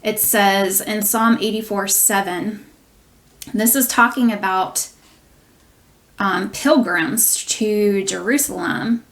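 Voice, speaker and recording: A woman minister giving a gentle, reassuring devotional teaching with many small fillers. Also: medium pitch, slow. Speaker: prophetic minister.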